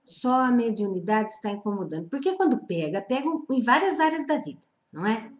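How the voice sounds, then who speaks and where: A woman's voice: fairly high pitch, expressive, brisk. A woman leading a spiritual study group, talking informally and repeating phrases as she checks in with her listeners. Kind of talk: informal spiritual teaching talk. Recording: roomy echo.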